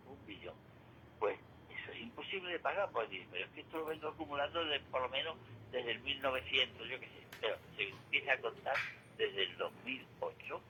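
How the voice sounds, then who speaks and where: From a local radio studio comes a man's medium-pitched, sharp-toned voice with an Andalusian Spanish accent. As a current-affairs commentator, he discusses the economy conversationally, emphatic and didactic, repeating key figures to make them stick. The audio is poor, with slight background noise.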